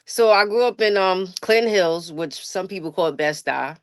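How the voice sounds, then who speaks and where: A woman's voice: lowish voice, normal speed. A middle-aged woman with a New York accent, a guest artist telling stories in a casual interview, laughing often and using slang. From Brooklyn, New York. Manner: laughs often, animated storytelling with slangy talk.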